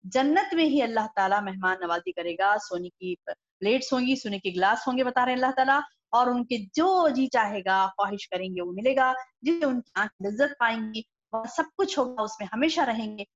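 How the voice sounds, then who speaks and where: A female Quran teacher gives a religious lesson, working through scripture verse by verse. Her delivery is expressive: her voice rises when she quotes verses and drops low for asides. The recording is dull and lo-fi.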